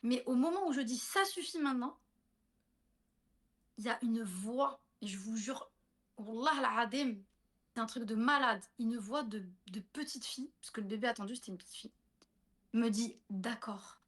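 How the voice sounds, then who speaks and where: A woman in her thirties, a guest on a casual livestream chat, tells a personal story in a slightly high, fairly bright voice at a brisk pace. She fills her speech with fillers and restarts and frequently addresses her listener directly.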